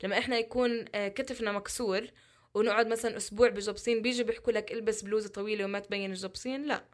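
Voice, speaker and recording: A woman's voice: medium pitch, steady tone, rapid-fire. A woman, speaking as an interview guest in a passionate, emphatic way full of rhetorical questions. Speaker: guest, social media content creator. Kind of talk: candid interview talk.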